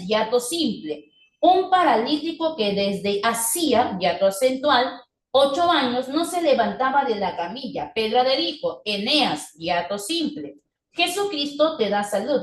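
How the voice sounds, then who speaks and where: A young woman, teaching an online class in a patient, explanatory way and checking in with "¿ya?". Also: a little high. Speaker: language teacher. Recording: echoey room, voice from far off.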